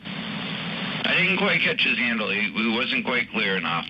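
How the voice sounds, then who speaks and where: A man's voice: medium pitch, sing-song, unhurried. A man chatting casually as a radio operator, heard over a two-way radio transmission. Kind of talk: casual radio check chat. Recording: dull radio signal, loud static noise.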